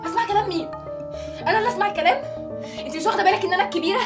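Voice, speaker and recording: A woman's voice: extremely high pitch, very fast, loud music behind the voice. A young actress with an Egyptian accent playing a rebellious college student who defiantly argues with her family in a TV drama. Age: young adult. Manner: defiant, shouting back. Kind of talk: TV drama dialogue.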